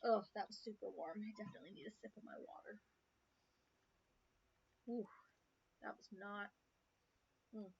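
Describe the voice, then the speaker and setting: A woman's voice: medium pitch, steady tone, normal speed, vocal fry, pauses often, a little mellow. A woman giving casual commentary on her own farming game stream, chatting to herself with muttered asides. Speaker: let's play streamer. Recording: slightly dull stream audio, faint hiss.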